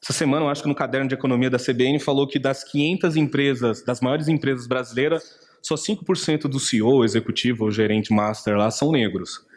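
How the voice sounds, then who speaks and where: A man's voice: medium pitch, fairly even intonation, fast talker, long reverb tail. A man with a Brazilian Portuguese accent preaching a sermon as a pastor, acting out inner voices and asking rhetorical questions.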